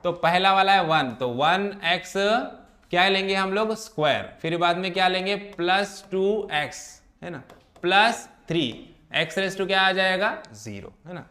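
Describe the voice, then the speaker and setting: A man with a high, bright, forceful voice takes his time teaching a math lesson, walking students through each step. He keeps asking questions to check that they're following.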